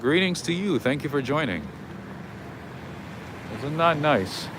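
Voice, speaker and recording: A man's voice: a little high, very animated, slow, noisy background. A man hosting a live walking tour outdoors on a city street, chatting casually and greeting viewers by name. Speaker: livestream host.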